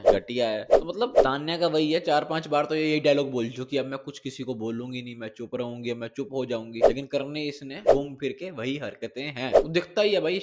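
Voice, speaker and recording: A man's voice: medium pitch, very noisy. Chatty man recapping a reality show. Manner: chatty, addresses viewers directly, gossipy and opinionated. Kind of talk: casual video commentary.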